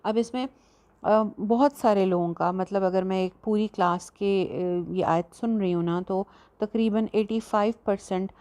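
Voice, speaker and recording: A woman teaching a tajweed lesson, patiently explaining and slowly demonstrating each letter sound. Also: mid-range voice, mellow. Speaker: Quran recitation teacher.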